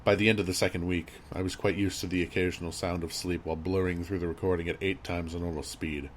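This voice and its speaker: Very deep-voiced man narrating horror. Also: level tone, quick pace. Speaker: creepypasta narrator. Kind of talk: scripted horror story narration. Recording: audible background noise and ambience.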